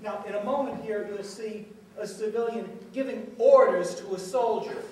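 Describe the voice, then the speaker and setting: A man playing an assured male media analyst, very high voice, halting with uh, echoey stage from far off. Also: close to an everyday voice. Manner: explains footage step by step with frequent uh fillers. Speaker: stage actor in a multimedia play. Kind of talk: stage play dialogue. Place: theatre stage.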